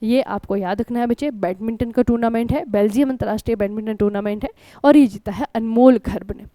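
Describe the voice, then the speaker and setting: Indian woman teacher, chatty exam-prep lesson, kinda high mellow voice, dry close mic. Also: fast, dry recording. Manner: conversational, keeps asking "ठीक है?" and addressing students as children. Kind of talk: online current-affairs lesson.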